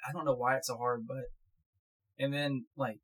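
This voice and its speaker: A young man with a stutter chats loosely with friends around one shared mic. His talk comes in halting bursts full of repeated starts, in a mid-range voice. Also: medium pitch, fairly even intonation, fairly bright tone, breathy edge, low-quality recording. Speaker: podcast co-host. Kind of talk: casual chat.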